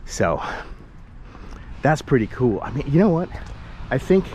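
Mid-range and sing-song, this man's voice keeps a measured pace. The forty-something vlogger rambles and jokes in chatty self-talk as he films a casual walking tour with an action camera at arm's length on a sunny residential street. Outdoor street noise, with ambience and passing cars, runs underneath.

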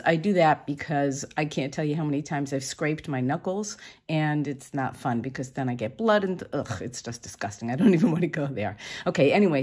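Low, husky-voiced woman chatting through kitchen prep. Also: a little mellow. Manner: chatty, upbeat, explains each step. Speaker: cooking channel host. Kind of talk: casual cooking voice-over. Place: home kitchen.

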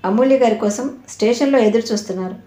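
A woman voicing an elderly male household servant who speaks in a gentle, respectful and amused way. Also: a little high, quick pace, close to an everyday voice. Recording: roomy echo.

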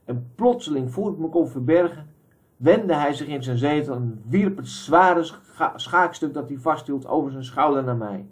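A man reading a literary audiobook in a measured, calm way. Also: on the high side. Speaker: audiobook reader.

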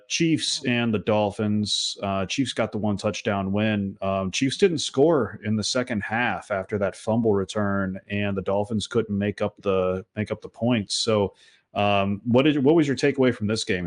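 A man's voice: on the low side, normal speed. A man co-hosting a casual sports podcast, giving analysis with a wry, joking edge. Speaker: co-host.

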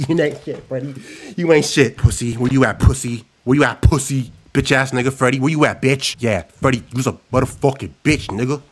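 A man's voice: medium pitch, fairly quick, few pauses. Hyped young man trash-talking a game. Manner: hyped, profane trash-talking, repeats taunts. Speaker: gaming YouTuber. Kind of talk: let's play commentary.

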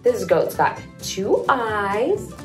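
A woman's voice: mid-range voice, faint music behind. A young woman hosting a toddler learning video, speaking in simple, exaggerated, wonder-filled phrases as if reading to a toddler. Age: young adult. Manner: animated, slow, simple child-directed talk with exaggerated wonder and animal sounds. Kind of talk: playful toddler speech lesson, as if reading to a toddler.

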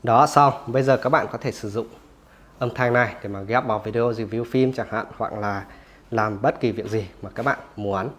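A man hosting a phone tutorial, explaining each step casually and often pausing with "rồi" between steps. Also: on the low side, a bit bright. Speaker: tech tutorial host.

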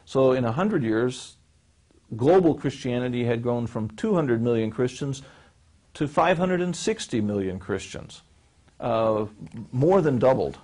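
A man in his forties gives a measured, explanatory answer on history, like a professor fielding a question. He talks at a middling pitch, pausing on fillers and restarting phrases as he thinks. He is recorded seated in a small studio on a close mic. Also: expressive, warm tone. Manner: gestures with his hands while speaking. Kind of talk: lecture-style interview answer. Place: small studio set with a wood-panel backdrop, seated.

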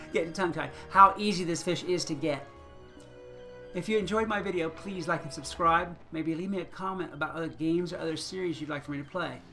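A man talks his way through a game session in a relaxed, chatty way, thinking out loud and chuckling now and then. His voice sits a little high, with a gravelly edge and a bright, forward tone. Soft game music plays in the background. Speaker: gaming channel host. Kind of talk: casual gameplay commentary.

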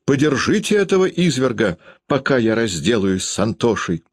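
A man voicing a shrill, flighty, vindictive mother who screams at her family in an audiobook reading. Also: huge pitch swings, slow pace, breathy edge, dry recording, clean studio sound, full character voice. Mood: shrieking. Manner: shrieking, screaming.

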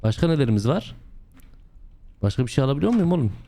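A young man with a slightly hoarse voice from a sore throat, chatting his way through a horror game as host, joking and breaking into loud exclamations. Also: mid-range voice, big pitch swings, fast talker. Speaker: gaming channel host. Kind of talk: let's play commentary.

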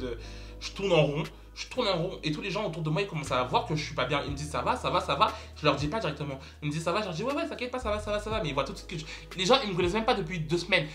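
A man's voice: on the high side, fairly bright tone. A young man telling a story to camera in a casual vlog, dramatic and exclamatory, repeating words for emphasis. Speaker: vlogger.

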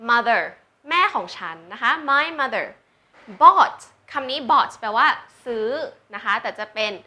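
An English tutor with a high, bright voice teaches slowly and patiently through example sentences. She drills words, stretching them out for learners to repeat, and asks questions to check understanding.

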